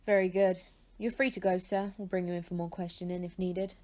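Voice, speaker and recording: A woman playing a brisk, formal police officer. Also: lowish voice, level tone, a little mellow, close to an everyday voice. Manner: formal, businesslike questioning. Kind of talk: amateur radio play acting. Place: home, recorded alone.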